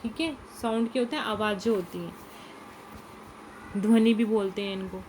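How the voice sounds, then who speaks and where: A female teacher explains a lesson to young children, reading each English line slowly before posing and answering her own questions in Hindi. Her voice is medium-pitched and a little mellow, and the poor audio carries a slight hiss or hum.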